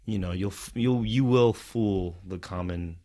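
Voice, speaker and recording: A middle-aged man whose first language is Vietnamese talks casually and animatedly as a podcast guest and stunt performer. His voice sits low and is mellow, and he speaks a little slowly.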